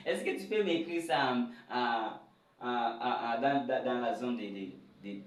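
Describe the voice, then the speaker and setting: A man teaching an English lesson at a board in a lively, questioning way, drilling words aloud. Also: mid-range voice, slow pace. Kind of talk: whiteboard lesson for French speakers. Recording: echoey room, voice a bit far from the mic.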